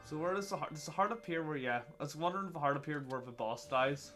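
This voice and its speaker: A man's voice: on the high side, quick pace, fairly bright tone, faint music behind. A man giving casual let's-play commentary, chatty and self-mocking. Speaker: gaming channel host.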